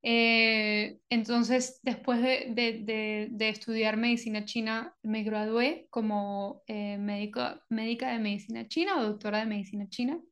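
Halting podcast guest, woman from Venezuela, slightly high voice. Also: steady tone, fairly bright tone. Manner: hesitant, many fillers and restarts. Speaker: guest, doctor of Chinese medicine. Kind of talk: casual podcast interview.

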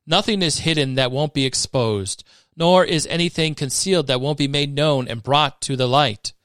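A man giving a measured, expressive scripted reading of scripture for a podcast. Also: on the high side, clean tone, no room sound, studio quality. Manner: measured, expressive reading that rises for dramatic moments. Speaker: scripture reader.

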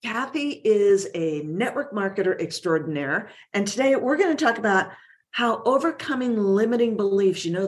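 Welcoming woman podcast interviewer. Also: medium pitch. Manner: welcoming, emphatic.

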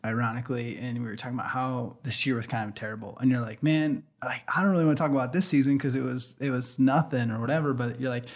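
A man's voice: mid-range voice, fast talker, few pauses. An American man hosting a casual podcast in a laid-back, slangy way, recorded in an echoey empty warehouse room. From western Oregon, United States. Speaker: podcast host. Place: makeshift podcast studio in warehouse, concrete floor.

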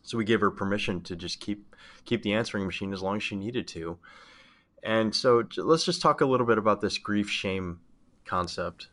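Male host, low pitch, bright tone, hesitant, restarts, tells an anecdote before asking. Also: moderate pace. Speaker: interviewer and host. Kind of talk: interview question with a personal anecdote.

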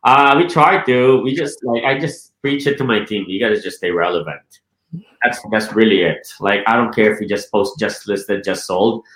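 A man's voice: fairly low pitch, normal speed, a bit bright. Guy from the philippines talking real estate, keeps saying right?, kinda echoey room. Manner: repeats words and restarts, asks "right?" often. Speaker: real estate team leader, guest. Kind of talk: casual interview talk.

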